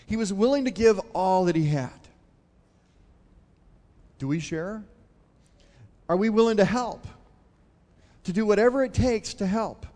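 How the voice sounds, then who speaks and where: A man's voice: high voice, unhurried, pauses often, a little mellow. Man preaching in an echoing hall. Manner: conversational, asks the congregation questions. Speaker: pastor. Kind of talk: sermon retelling a Bible story. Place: church hall. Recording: long hall reverb.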